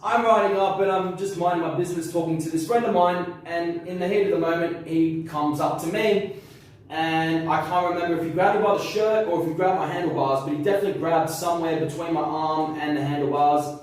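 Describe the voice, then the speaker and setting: A young man talks in a loose, rambling way and swears casually. His voice sits a little high for a man. It sounds very echoey and is caught from well back from the mic. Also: a little fast. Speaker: interview guest. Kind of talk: casual interview. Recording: very echoey room from far off.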